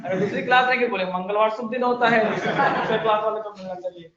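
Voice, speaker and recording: A man teaching chemistry in a classroom lecture, joking and briskly urging students to write fast. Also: high-pitched, a crowd in the background. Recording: echoey room, muffled sound.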